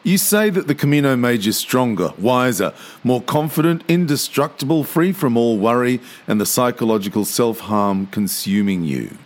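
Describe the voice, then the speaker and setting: A man's voice: medium pitch, lively intonation, moderate pace, few pauses. A man hosting a podcast, interviewing a guest and closing the episode with enthusiastic thanks and plugs. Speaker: podcast host.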